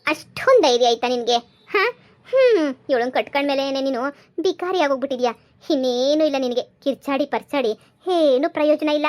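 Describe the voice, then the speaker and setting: Woman playing a sharp-tongued village wife. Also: high-pitched, lively intonation, fairly quick. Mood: taunting. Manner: taunting, scolding, exclaims often. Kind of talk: village comedy skit.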